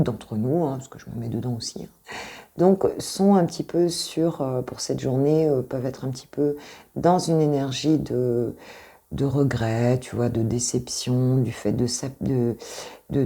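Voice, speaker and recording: A woman's voice: extremely low pitch, mellow. A French woman coaching intuitively, talking casually through a tarot reading with many hesitations and repeated points.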